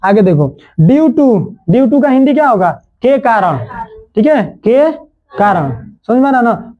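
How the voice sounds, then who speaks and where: A man with a very high voice teaches a classroom grammar lesson. He drills each rule slowly, repeating phrases and prompting the class, with teasing scolds in between. The classroom recording sounds dull and lo-fi. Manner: scolds and jokes with students.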